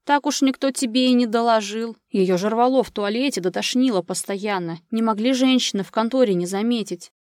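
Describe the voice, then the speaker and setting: A woman's voice: on the high side, a little fast, few pauses, a little mellow, no echo, studio quality, lightly acted. A woman reading an audiobook, voicing a sardonic, commanding macho man. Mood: mocking. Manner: mocking and stern, tired.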